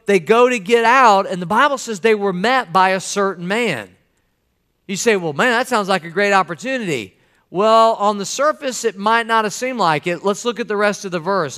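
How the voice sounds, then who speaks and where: High bright-voiced preaching man. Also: moderate pace, clear, resonant tone. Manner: animated preaching, acts out quotes loudly; folksy asides with "amen?" and "man". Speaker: pastor. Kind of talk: sermon.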